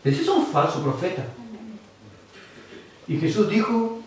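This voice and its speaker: A man with a Chilean Spanish accent preaching a sermon as pastor, lively and acting out other people's voices. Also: sits high, unhurried, slight background noise. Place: church. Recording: far-off mic in echoey church hall.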